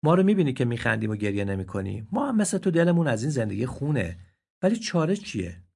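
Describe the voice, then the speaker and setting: A man voicing a kind, gentle old donkey in a read-aloud story, speaking in a soothing, coaxing way with a husky tone. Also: mid-range voice, sing-song.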